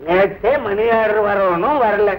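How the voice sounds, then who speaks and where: A man's voice: high-pitched, fairly even intonation, slow pace, narrow, tinny audio, slight background noise. An actor playing a man who frets and mutters about a late money order. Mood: worried. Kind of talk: 1960s Tamil film acting.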